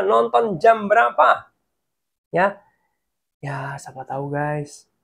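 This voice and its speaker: Gravelly guy preaching, fairly high voice, gets loud when he prays. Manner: lively preaching, swells loud in prayer. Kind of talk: online sermon and prayer.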